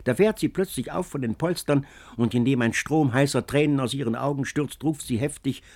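A man's voice: mid-range voice, brisk, a little mellow, voice pushed up, natural voice. A man voicing a scheming, cackling old woman servant in an audiobook, telling her tale breathlessly and dramatically. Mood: wheedling. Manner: breathless, wheedling, dramatic storytelling. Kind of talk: audiobook character reading.

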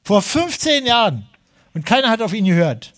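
A middle-aged man hosts a call-in radio show in a joking, chatty way. His voice sits high for a man. He teases his callers and co-hosts all the time. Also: big pitch swings, normal speed, fairly bright tone. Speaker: radio host. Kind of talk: casual call-in radio chat.

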